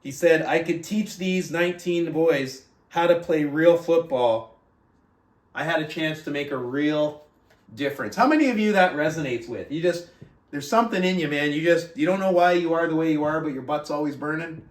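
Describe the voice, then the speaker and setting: This fairly high-pitched man, speaking at a moderate pace, runs a motivational book club in an earnest, conversational manner. He alternates between talking to listeners and reading aloud, dropping in check-ins like "right?". A distant mic gives the recording a roomy echo.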